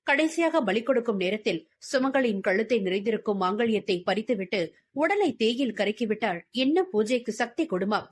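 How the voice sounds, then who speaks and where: A woman's voice: a little high, expressive, normal speed, breathy edge. A woman reading a novel aloud as an audiobook narrator with dramatic storytelling.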